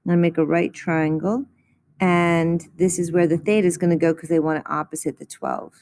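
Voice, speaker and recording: Woman, math teacher, lowish voice, patient, step-by-step explanations, close voice-over. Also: level tone, a little fast, a little mellow. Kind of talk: recorded math lesson.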